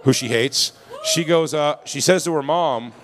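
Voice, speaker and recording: Guy on a comedy podcast telling a wild story, fairly high voice, does all the voices himself. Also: measured pace. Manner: animated, acts out dialogue, laughs mid-story. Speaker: podcast co-host.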